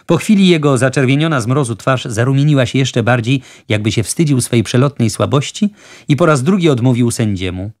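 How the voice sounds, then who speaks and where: Male audiobook narrator, measured reading. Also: medium pitch, animated, a little mellow. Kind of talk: scripted narration.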